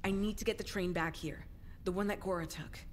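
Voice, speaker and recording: A woman's voice: lowish voice, fairly even intonation, moderate pace, a little hiss or hum, lightly acted. A woman voicing a tense game heroine.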